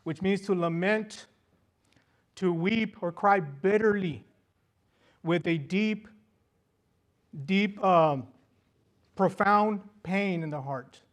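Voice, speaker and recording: A man preaches with a high voice, turning from one language to the other and back. He speaks to his congregation as brothers and presses his points with rising fervor. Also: extremely slow, pauses often. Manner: switches between Spanish and English, repeating each passage. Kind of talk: bilingual sermon.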